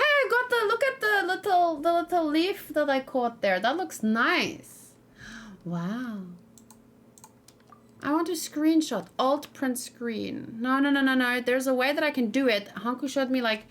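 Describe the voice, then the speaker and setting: This high-pitched woman livestreams a video game, offering relaxed let's play commentary as she thinks aloud and talks to viewers. Her intonation is lively and her pace slow, with game music and typing in the background.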